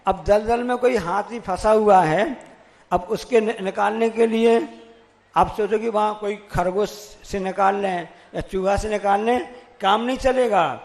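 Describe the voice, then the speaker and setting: A Jain monk gives a sermon, telling stories with acted-out quotes and repeated phrases. His voice sits high and moves a little slowly, trailed by a long reverb tail.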